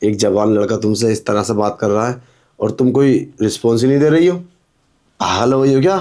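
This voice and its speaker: A man's voice: fairly low pitch, normal speed, darkish tone, natural voice. A man playing a pushy young milkman who wheedles and insists in a melodramatic drama. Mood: wheedling. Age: young adult.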